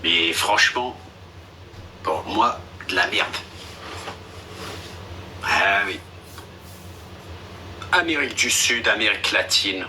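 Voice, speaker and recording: A man's voice: lowish voice, lively intonation, slow pace, pauses often, bright, forceful tone. A young man chatting casually on a live stream, blunt and slangy, with a dismissive streak. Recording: a bit distant with faint background noise.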